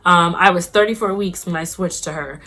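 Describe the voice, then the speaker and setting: Animated young woman telling a story. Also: a little fast. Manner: animated, acts out quotes with big pitch jumps. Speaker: vlogger. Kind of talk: casual storytelling.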